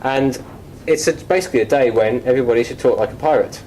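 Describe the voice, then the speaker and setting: A man's voice: medium pitch, fast talker, dark tone, slight background noise, low-quality recording. Hesitant wry British man. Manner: hesitant, wry, many ums. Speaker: guest in a mock chat show. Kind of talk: casual chat. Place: office.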